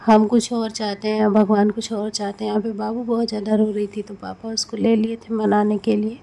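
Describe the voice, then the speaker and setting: A woman's voice: medium pitch, flat delivery, fairly quick, gravelly, warm tone, slightly rough. Emotional woman vlogging a train trip. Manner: emotional, repetitive. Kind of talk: casual travel vlog narration. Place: train journey and station.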